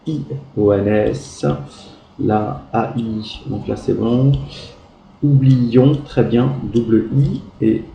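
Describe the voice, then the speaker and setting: A male primary school teacher reads through his pupils' written exercises aloud, correcting them and spelling out verb endings letter by letter with patient, gentle praise. His voice is low, steady, very dark and gravelly, and he speaks slowly. The room sounds echoey, with a faint hum in the background.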